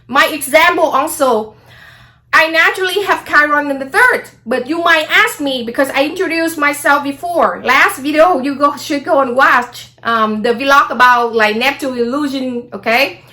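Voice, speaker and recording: A Vietnamese woman from Vietnam, speaking English as a second language, vlogs about astrology in a high, bright, pushed voice at normal speed. She rambles casually, frequently checking in with listeners through "okay?" and tossing in "blah, blah" asides.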